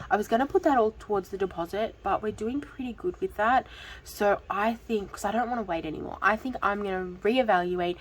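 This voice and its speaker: A woman's voice: medium pitch, a little hiss or hum, low-quality recording. A woman, hosting a casual budgeting vlog in a chatty, giggly way with frequent ums. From Australia. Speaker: budgeting channel host.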